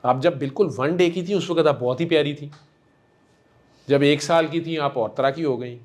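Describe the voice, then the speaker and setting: Soft-spoken guy counseling someone, sweet and coaxing, kinda high voice. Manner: gentle, coaxing, affectionate and repetitive. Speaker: spiritual healer counseling a patient. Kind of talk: one-on-one counseling session.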